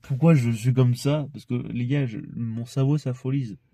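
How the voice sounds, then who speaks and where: A man's voice: mid-range voice, fairly even intonation, moderate pace, warm tone. A young man with an ordinary mid-range voice talks through a loose, rambling monologue. He swears freely and laughs between thoughts, and at times he heats up into ranting. The recording sounds dry and close, with no room echo. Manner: rambling, profane, laughs often, shifts into heated ranting. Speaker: vlogger.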